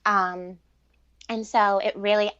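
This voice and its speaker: This middle-aged woman, a relationship author and coach, answers podcast interview questions in an earnest, reflective, informal way. Her voice is medium in pitch and level, fairly bright, clear and resonant, and she takes her time. The recording is dry but dull and lo-fi.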